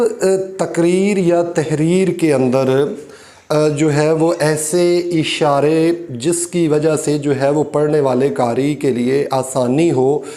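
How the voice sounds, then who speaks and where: A man teaching an online lecture, explaining slowly with many fillers and repeated examples. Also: on the high side, warm tone, roomy sound.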